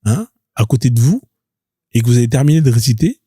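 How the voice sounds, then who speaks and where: A man's voice: medium pitch, animated, brisk, dark tone, husky, no echo, studio quality. A man hosting a live stream, talking in a mocking, confrontational way, repeating his points over and over. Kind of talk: provocative live stream monologue.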